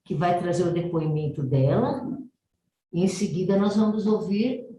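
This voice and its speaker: A woman's voice: on the low side, moderate pace, mellow, a little hiss or hum. A woman moderating a webinar, hesitant, with restarts as she introduces guests. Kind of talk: hosting a webinar. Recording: roomy echo.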